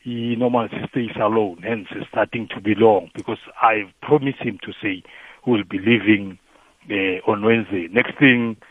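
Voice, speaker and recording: A man's voice: lowish voice, steady tone, moderate pace, no echo. South African man calling in on a tinny phone line. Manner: earnest, leans on the word "hence". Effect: heard over the phone. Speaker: caller. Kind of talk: call-in radio question.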